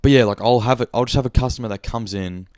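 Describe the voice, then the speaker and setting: A man's voice: mid-range voice, fast talker, darkish tone, no echo, studio quality. A young man with an Australian accent, hosting a podcast in a casual, rambling monologue, speaking frankly and swearing freely. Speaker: podcast host.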